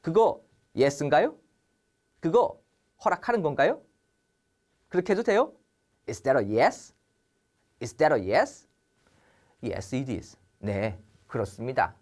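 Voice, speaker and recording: A woman teaching English grammar on a TV lesson, acting out question-and-answer pairs and drilling English phrases slowly between quicker explanations. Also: a bass voice, expressive, darkish tone.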